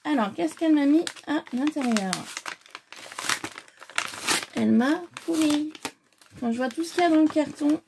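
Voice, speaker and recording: A woman with a slightly high, gravelly voice talks through an unboxing in a casual, effusive way. She hesitates often, dotting her speech with fillers as she goes. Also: quick pace, few pauses, noisy background. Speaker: scrapbooking vlogger.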